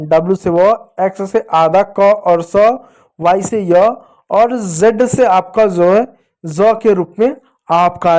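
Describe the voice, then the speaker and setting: A man teaching English phonics to children in Hindi, slow and patient, repeating each sound. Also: high voice, dark tone.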